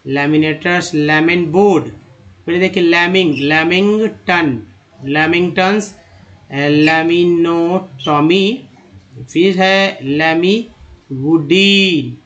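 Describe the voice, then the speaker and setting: A man with an Indian Hindi accent teaches English reading to learners. His voice sits high for a man. He reads each word slowly, drawing it out and repeating it. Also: a bit bright, lo-fi sound. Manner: slow drawn-out word readings, repeats words.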